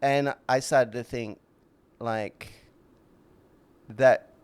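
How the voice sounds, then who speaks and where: Co-hosting a podcast, a man talks in a casual, rambling way, blunt and opinionated and swearing often. His smooth, medium-pitched voice stays steady, stretching out his words.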